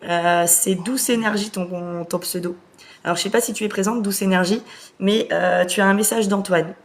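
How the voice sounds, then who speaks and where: A woman medium hosting a live stream, talking casually with many hesitant fillers as she briskly relays messages. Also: mid-range voice, steady tone.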